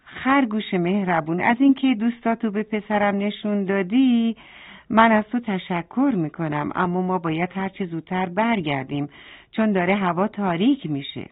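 A woman voicing a gentle, caring mother turtle in a bedtime story, soft and soothing. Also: mid-range voice, lightly acted. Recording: tinny phone-like sound.

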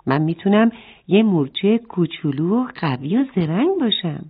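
A woman's voice: lowish voice, animated, breathy edge. A tiny ant from a children's storybook, proud and hardworking, speaking with a voice that rises and falls a lot, as a woman puts it on. The sound is narrow, like it came over a phone. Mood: determined.

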